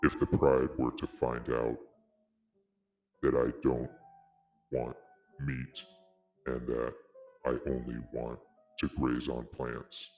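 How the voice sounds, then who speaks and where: A secretive vegan lion, a male podcast guest hiding his identity, disguised by a voice changer that drops his voice to an extremely deep, flat rumble. His delivery is slow and halting, each phrase weighed with solemn care. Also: highs cut off, faint music behind, full character voice. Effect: voice changer pitching the voice very deep.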